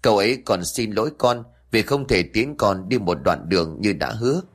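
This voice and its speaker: A man voicing an older uncle who speaks calmly and consolingly with a lower voice. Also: normal speed, slightly rough. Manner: calm, consoling, steady. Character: calm older uncle, gentle and resigned.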